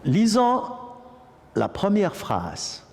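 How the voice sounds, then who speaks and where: A male primary school teacher gives a French lesson to young pupils, drawing out each word very slowly. His pitch swings widely as he encourages the class. A long reverb hangs on his voice. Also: wildly swooping pitch, a little mellow, a little hiss or hum. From Morocco. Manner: slow, repetitive, encouraging classroom delivery.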